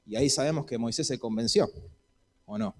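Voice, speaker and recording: A man's voice: mid-range voice, fairly quick. A man with an Argentine Spanish accent preaching a sermon in a church, acting out Bible dialogue in voices.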